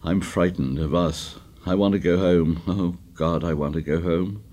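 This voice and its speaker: A man reading as a shaken, guilt-ridden boy leader in an audiobook, low and subdued, slow and muttering. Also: lively intonation, a little mellow. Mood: despairing.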